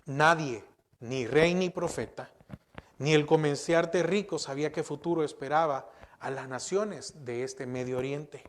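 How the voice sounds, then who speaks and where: Emphatic preaching pastor, rather high voice. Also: male voice, measured pace. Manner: preaching with rhetorical questions to the congregation; emphatic, repeats words and restarts. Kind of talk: sermon.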